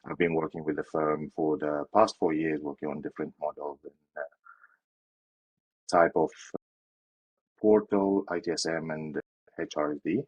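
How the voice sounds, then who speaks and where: Very deep husky man from Syria. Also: steady tone, measured pace, pauses often, lo-fi sound. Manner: hesitant, with fillers and restarts. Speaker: interview guest. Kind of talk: casual interview answers.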